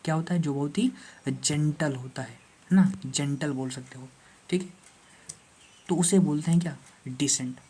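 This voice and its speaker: A man's voice: fairly high pitch, moderate pace, long pauses, mellow, slightly rough. A male English teacher giving an online exam-prep lecture, who repeats key words and keeps asking the class rhetorical questions.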